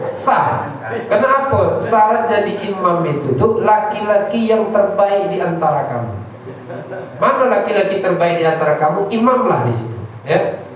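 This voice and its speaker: A man leads an informal religious lesson, his voice sitting a little high. He talks conversationally and keeps checking in with the listeners. The recording is very echoey, with the mic some way off and faint noise behind him. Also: big pitch swings, normal speed, recorded from a distance. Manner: conversational, often adds "ya" and "ya tak". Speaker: religious teacher. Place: prayer room.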